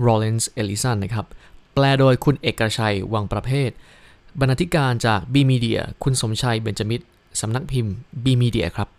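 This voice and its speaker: A man's voice: on the low side, steady tone, a little slow, dry recording. A man hosting a casual book review podcast, speaking politely and ending phrases with a courteous particle, and spelling out English words letter by letter. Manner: polite, fills sentences with ครับ. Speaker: podcast host.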